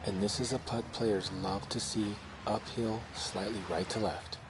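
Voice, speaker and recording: A man's voice: lowish voice, steady tone, a little slow. A man giving golf commentary from out on the course, analysing shots in terse, clipped phrases. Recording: clear outdoor course noise behind.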